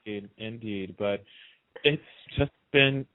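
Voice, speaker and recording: Taking it slowly, a lowish-voiced man talks on a phone-quality line as a radio guest. Normally a radio host, he is being interviewed here, casually telling stories and leaning on repeated phrases for emphasis.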